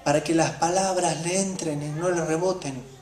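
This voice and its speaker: A woman preaching a sermon, questioning her congregation and swinging between loud exclamations and hushed asides. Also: low voice, fairly even intonation, moderate pace, echoey room, noisy background.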